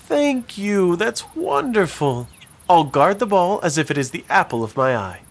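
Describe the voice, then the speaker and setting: A man's voice: sits high, big pitch swings, unhurried, heavily acted. A man voicing a wry young male detective in a game, full of dry, sarcastic asides. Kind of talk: game voice acting.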